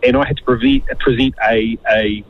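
A man's voice: medium pitch, fairly even intonation, moderate pace. A man calling in to a radio show over a phone line, chatting bluntly and jokingly. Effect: heard over a phone line. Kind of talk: casual phone-in chat.

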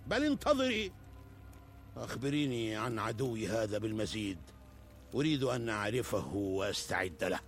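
A man's voice: on the low side, very animated, moderate pace, a little hiss or hum. An actor playing an arrogant, pompous pharaoh-like king who thinks himself a god, declaiming in a historical drama. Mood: angry, demanding. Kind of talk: Arabic historical drama acting.

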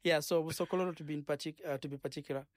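A man with a Zambian accent, a gospel singer and minister, talking earnestly in a radio interview, preaching as he goes and filling pauses with "uh" and "um". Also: fairly high pitch, fairly even intonation, no room sound, studio quality. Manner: earnest, preachy, rambling with many fillers.

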